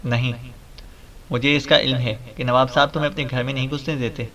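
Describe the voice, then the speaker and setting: A man's voice: mid-range voice, steady tone, sharp tone, distant mic, natural voice. A man narrating an audiobook voices a stern police officer who asks curt, probing questions.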